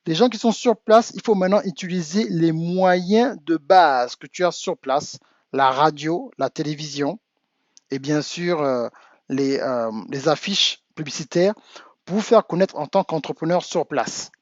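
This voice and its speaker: A business coach from Africa who makes his home in the United States gives his audience an insistent talk that builds to emphatic urging. His voice is on the high side and unhurried, and the recording is dry with dull audio.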